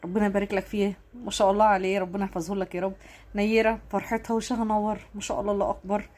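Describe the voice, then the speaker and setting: A woman's voice: mid-range voice, level tone, rapid-fire, a little mellow. A woman with an Egyptian accent giving emotional casual vlog commentary, fighting back tears and repeating herself. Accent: Egyptian Arabic. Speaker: online commentator.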